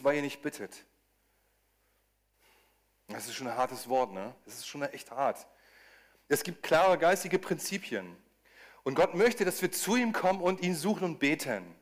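A man preaching a sermon, talking animatedly, often stumbling into restarts, acting out quoted voices and cries with rising emphasis. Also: mid-range voice.

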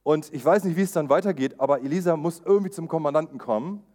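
A man preaching, retelling a Bible story in a lively way and acting out the quotes. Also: a little high, fast talker.

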